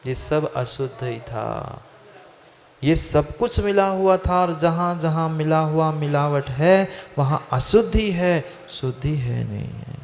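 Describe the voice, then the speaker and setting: A monk with a slightly high, somewhat mellow voice speaks slowly in a Hindi-language religious discourse, a sermon recorded with hall reverb and faint ambience. He asks his listeners questions and repeats phrases for emphasis.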